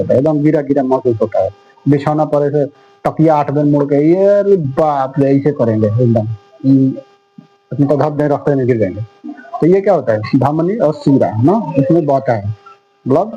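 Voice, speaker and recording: A man's voice: a little high, dark tone, slightly rough. A man teaching a class in a casual, repetitive way, asking questions and answering them himself. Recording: dull lo-fi sound with faint music.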